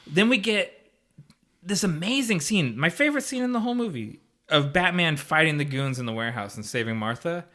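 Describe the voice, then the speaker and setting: A man's voice: fairly high pitch, expressive, fairly quick, sharp tone. A man co-hosting a podcast, recapping a movie in casual chat with sarcastic asides and frequent laughter. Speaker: podcast co-host.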